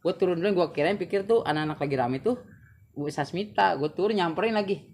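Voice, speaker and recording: A young man, a guest telling a story in a casual interview, animated and full of street slang. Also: sits high, quick pace, a little hiss or hum. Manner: animated slangy storytelling, acts out quoted voices.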